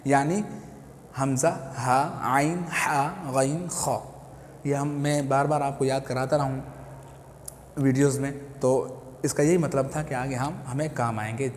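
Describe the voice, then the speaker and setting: A man's voice: mid-range voice, level tone, moderate pace, darkish tone, slight background noise. A man with an Urdu accent teaching a Quran recitation lesson, patiently explaining step by step and repeating key terms. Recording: echoey room.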